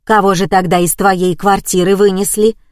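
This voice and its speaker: A woman doing a loud, blunt old neighbour woman. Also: mid-range voice, level tone, normal speed, no echo, studio quality, lightly acted.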